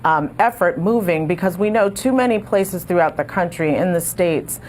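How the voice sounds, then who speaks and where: A woman with a very low voice answers a news anchor over a remote link. She speaks earnestly and in measured phrases. A faint hum sits in the background. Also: animated, darkish tone. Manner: earnest, measured, with some fillers. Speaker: civil rights advocate guest. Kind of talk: interview answer. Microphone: remote studio link.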